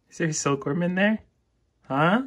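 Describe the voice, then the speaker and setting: A man hosting a casual vlog in the reptile room of his home, talking affectionately to his lizards as he feeds them, with excited exclamations. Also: fairly high pitch. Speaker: reptile keeper and channel host. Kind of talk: casual vlog narration while feeding pets.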